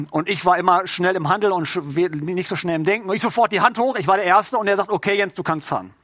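A man's voice: high voice, quick pace, fairly bright tone, no room sound, studio quality. A middle-aged man preaching an informal, conversational sermon, often turning to the congregation with rhetorical questions.

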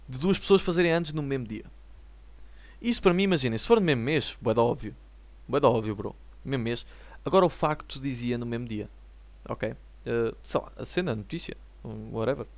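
A man's voice: medium pitch, dry recording. A young man in his twenties with a European Portuguese accent, chatting casually to his viewers from home in a rambling, slang-filled way and often checking that they follow. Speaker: vlogger. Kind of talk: casual solo chat to viewers.

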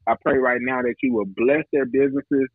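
An entrepreneur appearing as a podcast guest prays on air over a thin phone line, his medium-pitched voice steady and brisk with no room sound. He is preacherly and insistent, repeating phrases for emphasis.

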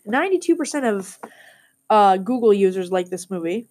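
A woman's voice: mid-range voice, big pitch swings, normal speed, a little mellow. Woman podcast host reading movie ratings. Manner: leads the talk, reads out ratings and facts, laughs often. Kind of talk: casual chat about a movie.

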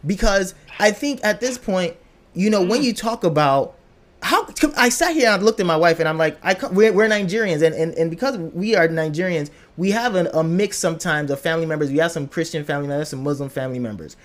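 A man's voice: a little high, brisk. Reflective man in casual talk. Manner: reflective, searching for words, often affirming. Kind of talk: casual podcast conversation.

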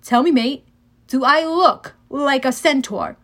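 A woman voicing a smooth, condescending male underworld ferryman with a British-leaning accent, as in an audiobook. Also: sits high, measured pace. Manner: suave, drawling, condescending.

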